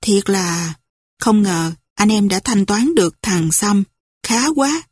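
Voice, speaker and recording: A blunt, rough-spoken older fighter in a war story, put on by a woman reading. The husky voice moves slowly and plainly, and the recording is dry and close. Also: mid-range voice, animated, darkish tone, no room sound. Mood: troubled. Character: older male guerrilla comrade, blunt.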